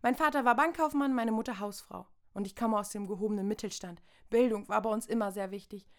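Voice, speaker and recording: A woman's voice: mid-range voice, fast. A woman from Saxony-Anhalt in a satirical stage monologue, prim and self-important, lecturing. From Saxony-Anhalt, Germany.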